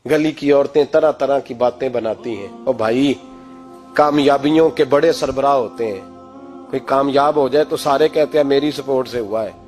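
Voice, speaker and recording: A man preaching a sermon and telling a moral story, with dramatic swings between loud emphatic peaks and hushed passages. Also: mid-range voice, steady tone, moderate pace, soft background music.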